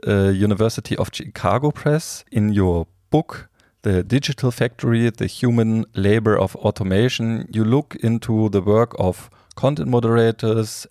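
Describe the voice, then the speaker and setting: Male podcast host, measured delivery, low and dry. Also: a little mellow, no echo. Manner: measured, reads prepared questions. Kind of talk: interview hosting.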